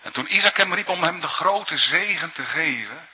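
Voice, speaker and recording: A man's voice: on the high side, lively intonation, normal speed, husky. A man preaching a sermon in an earnest, emphatic way, often tagging his points with questions, on a dull, lo-fi recording with a long hall echo.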